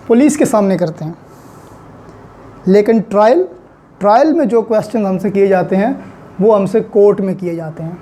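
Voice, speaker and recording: A man with a Pakistani accent delivers an explanatory lecture on law, deliberately repeating and emphasizing key points and weaving in English legal terms. His voice is high-pitched and mellow.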